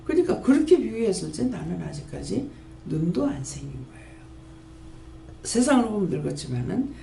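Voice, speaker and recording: A woman's voice: brisk, creaky, slight background noise. A woman in her fifties with a Gyeongsang accent, giving an earnest sermon testimony as pastor of a prayer house. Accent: Gyeongsang Korean. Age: 50s. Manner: earnest, storytelling, lively pitch swings. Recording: echoey room with faint ambience.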